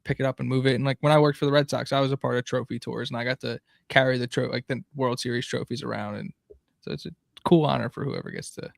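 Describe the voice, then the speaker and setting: A man's voice: medium pitch, steady tone, fast, creaky, no room sound, studio quality. A man co-hosting a casual sports podcast, talking in a chatty, rambling way with many fillers. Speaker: podcast co-host.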